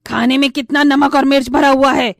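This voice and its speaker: A woman voicing a spiteful older mother-in-law in a storybook tale, who scolds in a shrill, nagging way. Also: fairly even intonation, brisk, no echo, clean studio sound. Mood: scolding. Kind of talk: storybook voice acting.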